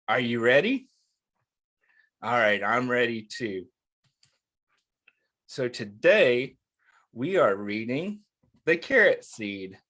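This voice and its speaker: A man with a medium-pitched, fairly bright voice hosts an interactive story time for young children. He reads aloud encouragingly, asking his listeners questions and pausing for their answers.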